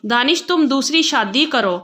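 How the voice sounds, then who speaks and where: A woman's voice: high-pitched, lively intonation, bright, forceful tone. A woman voicing a heartbroken young wife who pleads through tears. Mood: tearful pleading. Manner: pleading, tearful.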